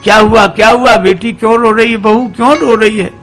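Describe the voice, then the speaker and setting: A man's voice: high-pitched, steady tone, brisk, a bit bright, soft background music, voice pushed up. A man voicing a bossy old village mother-in-law who scolds. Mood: worried.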